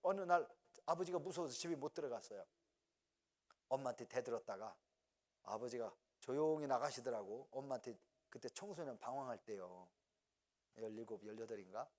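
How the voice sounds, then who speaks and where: A man's voice: mid-range voice, brisk, darkish tone. A middle-aged male pastor preaching a sermon, telling family stories with laughter and acting out his parents' voices. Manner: storytelling, acts out parents' voices, laughs often.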